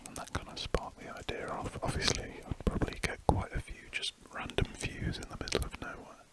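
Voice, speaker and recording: Up close to the microphone, this ASMR host chats in a gentle, breathy whisper while drawing, wandering off topic and catching their own mistakes. They speak a little fast.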